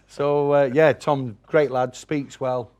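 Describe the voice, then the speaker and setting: A man's voice: medium pitch, little pitch movement, slow pace, a crowd in the background. A man, co-hosting a studio chat in a jokey, chatty way. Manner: chatty, jokey, says "know what I mean". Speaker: pundit co-host.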